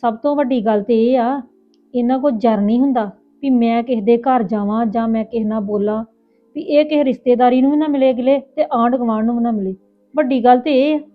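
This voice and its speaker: Outspoken, indignant elder sister with a Punjabi accent, played by a woman. Very quick delivery, lo-fi thin sound with faint music. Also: on the high side, lightly acted. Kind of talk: village family drama acting. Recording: tinny phone-like lo-fi with music.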